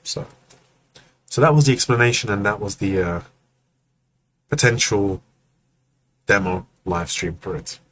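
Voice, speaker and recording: A man's voice: lowish voice, animated, unhurried, pauses often, fairly bright tone, slight background noise, low-quality recording. A man hosting a live stream, giving casual, friendly feedback on animation and acting out the movements as he explains. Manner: friendly, joking asides to chat.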